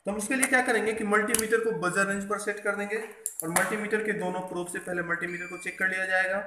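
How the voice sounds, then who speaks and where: Working indoors at a repair workbench, a man from India narrates a hands-on repair tutorial step by step, mixing English technical terms into his instructions. His voice is high-pitched and fairly even, with a quick pace, and the room is echoey with faint background noise.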